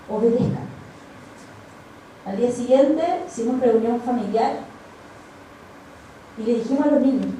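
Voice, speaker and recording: A Chilean woman giving a personal testimony at church, telling her story in a lively way and acting out the dialogue. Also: high voice, a little hiss or hum. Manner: animated storytelling, acts out quoted dialogue. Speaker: church speaker. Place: church hall. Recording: very echoey hall, voice far from the mic.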